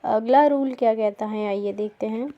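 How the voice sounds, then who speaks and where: A woman's voice: fairly high pitch, normal speed, highs cut off. A woman teaching English pronunciation rules, asking and answering her own questions as she goes. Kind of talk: Hindi-language English pronunciation lesson.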